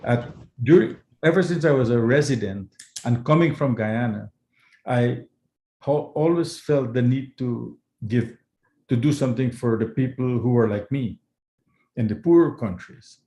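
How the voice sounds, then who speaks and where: A man who grew up in Canada, a heart surgeon giving an earnest, halting talk as a guest over a video call. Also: mid-range voice, mellow. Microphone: computer mic on a video call. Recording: echoey room, faint background noise.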